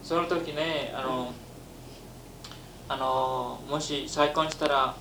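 An interviewer speaks at a medium pitch, some way from the microphone. The questions come haltingly, searching for words, on a roomy recording with clear background noise. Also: fairly even intonation. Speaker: oral history interviewer. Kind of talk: conversational interviewing. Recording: echoey, distant, noisy interview tape.

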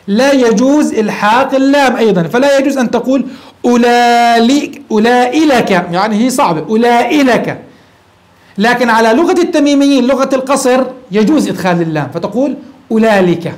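Fast-talking grammar teacher. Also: male voice, extremely high pitch. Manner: checks in with quick rhetorical questions. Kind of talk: classroom grammar lecture.

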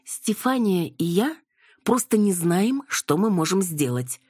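Woman reading a tart older mother, nervous and sardonic, husky voice, lively pitch. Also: a little slow, dry recording, clean studio sound.

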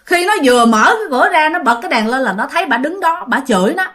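A woman narrates a ghost story in a chatty style, often speaking straight to her listeners. Her voice sits high and swings widely in pitch. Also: very animated, quick pace, a bit bright. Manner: chatty, addresses listeners directly.

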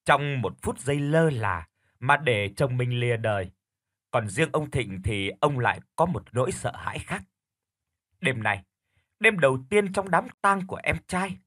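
A man narrating a horror audiobook in a calm, measured storytelling voice. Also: medium pitch, no room sound, studio quality.

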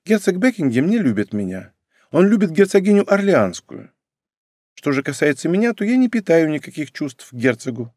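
A man voicing a shy, gentle young court lady in an audiobook, speaking softly with sighs. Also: on the high side, big pitch swings, moderate pace, dry recording, studio quality, voice pushed up. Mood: wistful.

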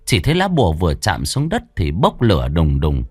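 A man's voice: sits low, fairly quick, faint music behind. A man narrating a scripted horror story in a dramatic manner. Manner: dramatic, lively intonation.

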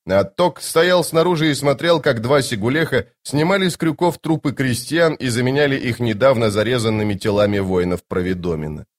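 A man narrating a fantasy audiobook with expressive storytelling. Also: medium pitch.

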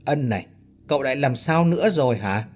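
A man's voice: mid-range voice, animated, fairly quick, close to an everyday voice. Man voicing a superstitious young man, earnest, explaining, storybook reading.

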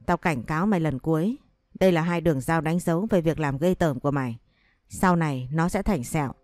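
Lady doing a vengeful wife in a story, scolding and cursing, low dark voice, dry. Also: brisk, no room sound, lightly acted. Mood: furious. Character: furious betrayed wife, sharp-tongued and vengeful.

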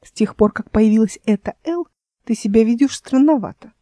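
A woman's voice: fairly high pitch, normal speed, dark tone, dry recording, natural voice. A woman voicing a scornful, scheming immortal young woman in a fantasy audiobook, in a mocking tone.

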